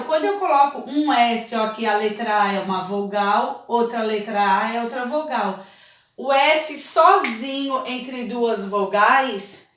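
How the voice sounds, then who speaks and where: A slow, unhurried woman teaching young pupils to spell, patient and forever checking whether they follow. Her voice sits a little high and reaches the mic from a short distance. It rings around an echoey room. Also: fairly bright tone. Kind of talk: children's spelling lesson.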